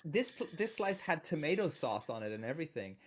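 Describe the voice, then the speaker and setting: Animated anecdote-teller on a stream, mid-pitched. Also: brisk, slight background noise. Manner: animated storyteller. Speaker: stream guest. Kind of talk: casual chat, telling anecdotes.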